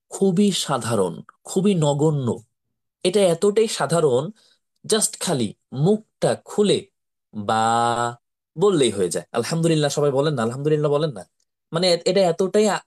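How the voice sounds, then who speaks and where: A man teaching how to read the Quran, slowly repeating syllables and asking his pupils to say them with him. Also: on the high side. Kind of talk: slow drilling lesson with repetition.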